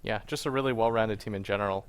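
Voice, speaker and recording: A man's voice: on the low side, fast talker, clear, resonant tone. A man hosting an esports broadcast desk, introducing players in a laid-back, slightly tired way. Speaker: desk host.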